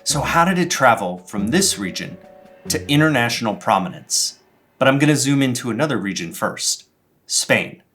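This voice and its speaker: A man hosting and narrating a scripted explainer video in a measured, curious storytelling manner. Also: mid-range voice, expressive, fairly bright tone, breathy edge. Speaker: video essayist and host. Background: guitar background music.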